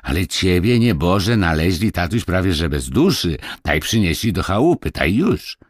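A man's voice: deep voice, sing-song, normal speed, dry recording, clean studio sound, voice pushed up. A man voicing two cheerful young peasant brothers in a fairy-tale audiobook, chatty and rustic.

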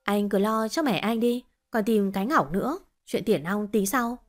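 Woman doing a kind young woman, calm, reassuring, faint music. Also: mid-range voice, moderate pace, close to an everyday voice. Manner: gentle, reassuring.

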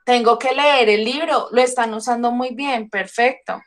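A woman English teacher running an online class over a video call, warmly calling her pupils sweetheart and love. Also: fairly high pitch, moderate pace. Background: pupils joining in on the call.

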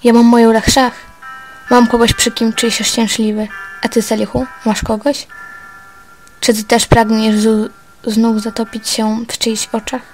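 A woman reading the lines of a tender young courtier in love, in a soft, reflective voice. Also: on the high side, level tone, unhurried, faint music behind, lightly acted, rough recording.

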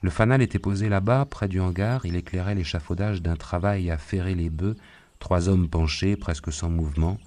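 A man reading a novel aloud as an audiobook narrator, in a measured, calm storytelling manner. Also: low-pitched. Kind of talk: scripted narration.

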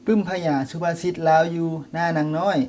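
An actor playing a young Lao nephew in a scripted teaching skit, earnestly explaining an old proverb book. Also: male voice, on the high side, steady tone, a little fast, a little mellow, lightly acted. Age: young adult. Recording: distant mic, faint noise.

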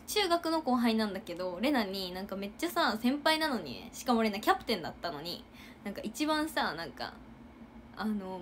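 Chatty young woman with lively pitch. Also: slight background noise. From Japan. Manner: chatty, giggly, acts out loud quotes. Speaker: idol livestreamer. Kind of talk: casual livestream chat with viewers.

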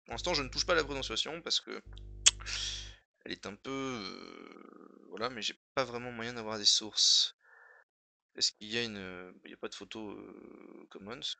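A man's voice: lowish voice, moderate pace, vocal fry, sharp tone, no echo. A man on a casual live stream thinking aloud as he edits a dictionary wiki. He mutters and repeats words to himself while he works and chats to his viewers in between.

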